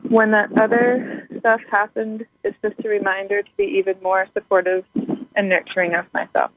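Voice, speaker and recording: A woman's voice: mid-range voice, flat delivery, moderate pace, no echo. A woman calling in to a show, earnestly repeating affirmations after the host over the phone. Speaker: caller. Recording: tinny phone line.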